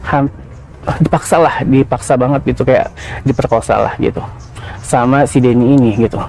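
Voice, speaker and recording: A man's voice: medium pitch, warm tone, a little hiss or hum. A man, a podcast guest telling his personal story in casual, slangy, confessional talk. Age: 30s.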